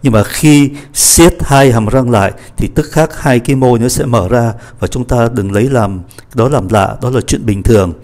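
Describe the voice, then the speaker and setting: A man teaching French pronunciation, slowly modeling each phrase and then explaining it. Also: mid-range voice, a little mellow. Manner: slow, deliberate model readings of French phrases between quick explanations. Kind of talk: pronunciation lesson.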